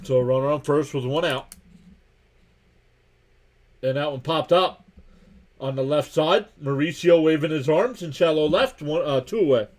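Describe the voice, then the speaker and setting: Laid-back man calling pitches live. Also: moderate pace, pauses often. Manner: calls pitches and counts while reading out chat messages; chatty and laid-back, greets viewers by name. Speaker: live game reaction streamer. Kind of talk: casual live play-by-play commentary.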